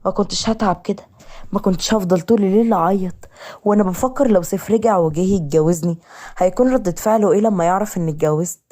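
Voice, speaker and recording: A woman's voice: fairly low pitch, dark tone, close to an everyday voice. A woman voicing a young woman in a storybook tale, emotional and pleading, with an Egyptian accent. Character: young woman, tearful and teasing. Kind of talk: storybook character reading.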